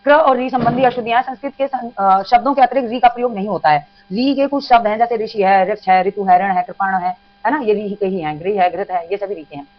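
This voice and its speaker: A woman's voice: mid-range voice, quick pace, hardly any pauses. A woman teaching an exam-prep Hindi grammar lesson, patiently repeating examples and addressing students as children. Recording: dull lo-fi sound with mains hum.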